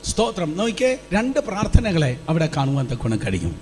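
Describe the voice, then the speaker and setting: A man's voice: fairly high pitch, huge pitch swings, fast, a little hiss or hum. A man pastor preaching a fervent Pentecostal sermon in a church, urging the congregation to repeat lines aloud. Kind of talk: Pentecostal sermon with call-and-response. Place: church hall before a congregation.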